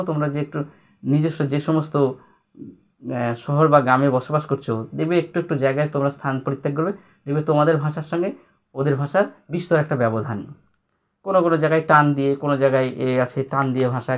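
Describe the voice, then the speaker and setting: A man teaching a literature lesson to students. He speaks, asks questions and repeats his points. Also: a little high. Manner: explains by repeating and asking questions, tells students to underline.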